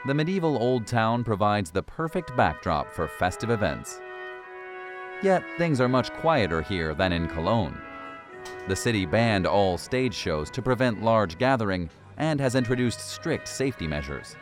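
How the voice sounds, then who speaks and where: A man with a low, animated voice reads scripted travel narration in a voice-over. Music plays clearly behind him. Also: unhurried. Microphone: studio voice-over. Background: background music.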